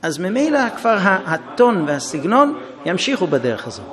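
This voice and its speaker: Man, parenting talk, animated storytelling, voice moves a lot, audience audible. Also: high voice, a crowd in the background. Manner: animated storytelling, acting out dialogues. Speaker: parenting lecturer. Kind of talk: informal talk to a group.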